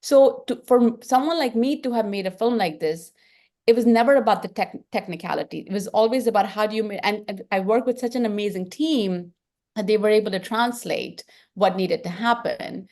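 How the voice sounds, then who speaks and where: A woman's voice: medium pitch, brisk, a little mellow. A middle-aged woman with an Indian accent, a film director talking earnestly in an interview and thinking aloud with frequent restarts. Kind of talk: reflective interview talk.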